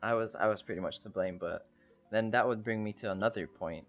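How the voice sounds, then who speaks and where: A young man from Bulgaria with a very low voice rambles hesitantly as a podcast co-host. His sound comes through slightly muffled and lo-fi. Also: brisk, faint music behind. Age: young adult. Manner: hesitant, rambling, lots of fillers. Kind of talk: casual chat. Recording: dull lo-fi sound.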